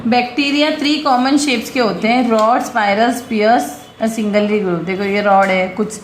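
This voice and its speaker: A woman's voice: on the high side, steady tone, moderate pace. A young adult woman teaches a biology lesson, mixing in English terms, explaining step by step and often checking that students follow. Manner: has students repeat terms after her. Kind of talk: bilingual classroom lecture. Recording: echoey room with faint background noise.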